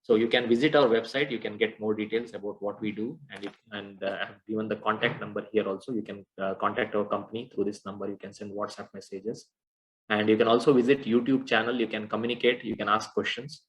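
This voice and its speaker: A man with an Indian English accent teaches as a technology trainer in an interactive classroom lecture, explaining step by step and often checking in with listeners using "right?" and "okay." His lowish voice has fairly even intonation and a quick pace, on a low-quality recording.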